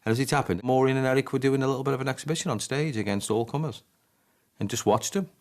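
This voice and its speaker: A man's voice: mid-range voice, fast talker. A man in an interview, telling anecdotes and acting out remembered conversations. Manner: anecdotal, acts out quoted dialogue. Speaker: interviewee, former player. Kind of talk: storytelling interview.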